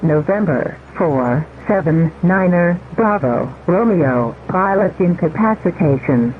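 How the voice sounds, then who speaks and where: A synthetic automated voice reads scripted emergency announcements over aircraft radio, one word at a time. The pitch is middling, and the signal is thin and narrow with faint static behind it. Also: lively intonation, slow pace.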